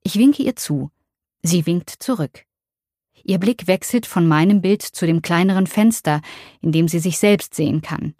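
Calm reflective audiobook narrator, woman; lowish mellow voice, dry close sound. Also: unhurried, no room sound. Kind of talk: audiobook reading.

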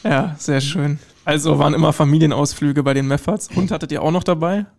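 Higher-voiced male podcast host. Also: fairly even intonation, brisk, creaky, darkish tone. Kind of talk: casual interview.

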